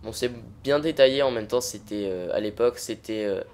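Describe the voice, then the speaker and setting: A man's voice: lowish voice, brisk, darkish tone. A man hosting a let's play, chatting informally and a little hesitantly to viewers as he improvises gameplay commentary.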